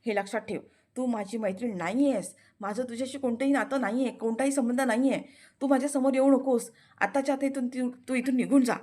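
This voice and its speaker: A woman voicing an angry young man who shouts and repeats himself in a rage. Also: fairly high pitch, fast, lightly acted. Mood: furious. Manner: furious, loud, repeating himself.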